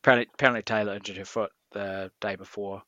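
A lowish man talks quickly but hesitantly on a football podcast, full of "you know" and "um". His audio is dull and lo-fi, dry, from a remote mic. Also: fairly even intonation, bright, forceful tone, dry recording. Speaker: podcast co-host. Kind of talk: casual sports podcast chat.

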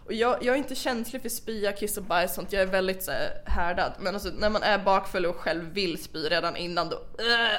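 A young woman co-hosting a podcast, telling a story in casual chat, animated and swearing freely. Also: mid-range voice, hardly any pauses. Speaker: podcast co-host.

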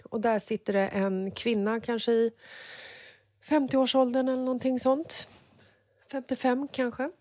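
A woman in her forties, a podcast host, telling a personal story in a casual, emotional, animated way. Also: fairly high pitch, long pauses, no echo. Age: 40s.

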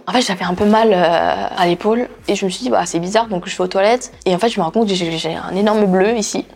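Young woman, personal testimony, halting, lots of fillers and restarts. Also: mid-range voice, a little mellow. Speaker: interviewee telling her story.

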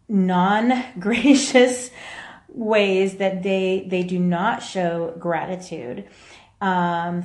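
A woman's voice: mid-range voice, darkish tone. A woman hosting a casual livestream of parenting advice, speaking in a room with a big hall-like echo. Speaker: podcast host and parenting coach. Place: echoing room.

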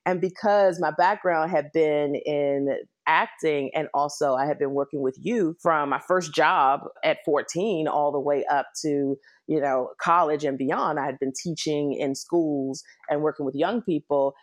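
A middle-aged nonprofit executive from Washington, DC, speaking with a local American accent, tells her own story as an interview guest. She talks conversationally, a little slowly, in a low voice.

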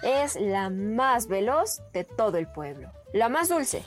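A woman's voice: a little high, big pitch swings, slow, soft background music. A woman voicing a boastful, grumbling male farmer in a children's storybook. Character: grumbling greedy middle-aged male farmer.

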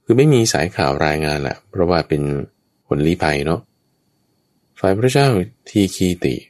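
A man's voice: low voice, big pitch swings, moderate pace, a little mellow, dry recording. A man preaching a Buddhist scripture story, addressing his listeners directly with chatty asides. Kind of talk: storytelling Dhamma talk.

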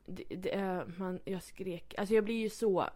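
A woman's voice: medium pitch, fairly even intonation, a little mellow. Chatty young woman telling stories. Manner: chatty storytelling, acts out quotes, many fillers. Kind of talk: casual chat.

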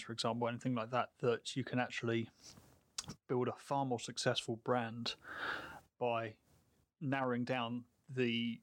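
A man co-hosting a podcast, joking around but measured when making a point. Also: medium pitch, fairly bright tone, no room sound. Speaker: podcast co-host. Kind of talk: casual chat.

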